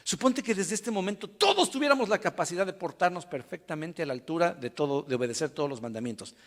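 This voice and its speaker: A man delivers a dramatic sermon in a high voice, dropping to near whispers and then rising to shouts. He calls his listeners brother. His voice carries a long reverb, as if in a church hall. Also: lively intonation, quick pace. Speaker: preacher.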